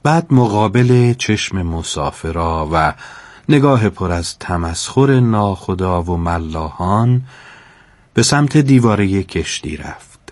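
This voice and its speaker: A male storyteller reads a children's tale aloud. His voice sits low and his delivery is calm and measured, slowing down with dramatic pauses at tense moments. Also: no echo. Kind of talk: storybook narration.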